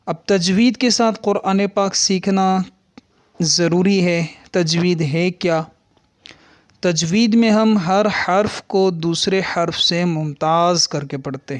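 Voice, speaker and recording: A man's voice: fairly high pitch, smooth, dry recording. A man teaching the rules of Quran recitation in an earnest, instructive way, sounding out letters to show the difference between them. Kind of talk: religious lesson on Quran recitation.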